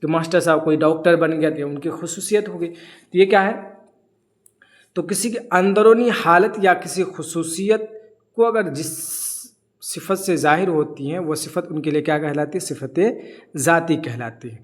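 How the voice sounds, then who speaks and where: Man teaching grammar with self-posed questions. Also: on the high side. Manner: asks questions and answers them himself; recites examples in short listed words. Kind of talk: grammar lesson explaining from a textbook.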